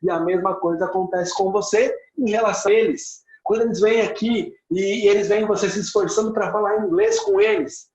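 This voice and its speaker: A Brazilian man with a Brazilian Portuguese accent teaches English in an emphatic, motivational style, repeating points for stress and mixing in English words. His high, darkish voice stays fairly even and brisk with few pauses. The room echoes and the sound is slightly muffled.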